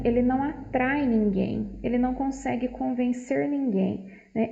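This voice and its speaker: A woman presents an informal book study to a group, explaining at length and frequently tagging sentences with "né". Her voice is on the high side, gravelly and mellow, in a dull lo-fi recording with roomy echo.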